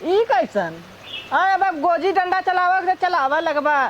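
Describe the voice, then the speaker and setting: A woman playing a sharp-tongued, unyielding village sister-in-law with an Awadhi accent, scolding scornfully in a comedy skit. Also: extremely high pitch, animated, a little slow, dull audio, slight background noise, exaggerated voice. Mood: scornful, refusing. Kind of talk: broad rural comedy skit acting.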